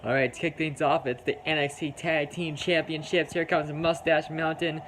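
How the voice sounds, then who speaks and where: A man with a Minnesota accent giving chatty, excitable live reaction commentary, swearing casually as he talks. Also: on the high side, moderate pace, slight background noise. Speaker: wrestling reaction host.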